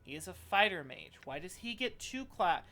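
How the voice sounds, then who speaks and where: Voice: mid-range voice, very animated, normal speed, sharp tone. A game streamer giving casual, wry and playful commentary while playing and reading game text aloud.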